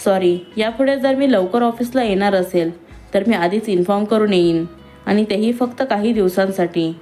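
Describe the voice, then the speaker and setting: A woman voicing a timid young female employee who speaks softly and nervously, with faint music behind. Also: medium pitch, moderate pace, natural voice. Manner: soft-spoken, nervous, innocent.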